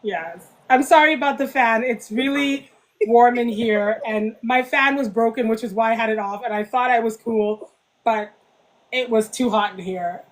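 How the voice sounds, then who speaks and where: Woman writer chatting on a podcast, a bit high pitched, acts out what people say. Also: moderate pace, low-quality recording. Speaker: interviewed author. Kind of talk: casual podcast interview chat.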